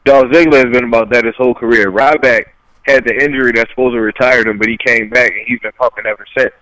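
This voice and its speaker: A man co-hosting a casual podcast chat, rambling as he thinks out loud. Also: medium pitch, fairly even intonation, quick pace, no room sound, poor audio. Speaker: podcast co-host.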